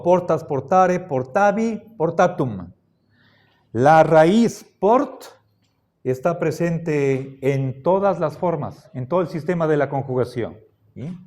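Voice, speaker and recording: A man teaching a Latin grammar lesson, speaking slowly and deliberately, repeating word forms and often checking that the class follows. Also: on the high side, darkish tone. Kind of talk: classroom lecture.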